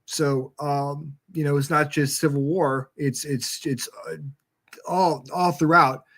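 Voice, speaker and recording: A man being interviewed about a haunted property, rambling and restarting, growing animated, his voice a bit worn from talking. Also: a little high, slow. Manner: rambling, restarts, animated when telling stories. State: hoarse from talking. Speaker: guest, paranormal radio show host. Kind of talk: casual interview chat.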